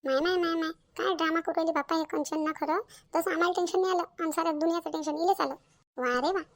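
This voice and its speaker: A woman's voice: very high-pitched, quick pace, no echo. A woman voicing a grumbling older mother-in-law in a family cartoon, scolding sarcastically. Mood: sarcastic.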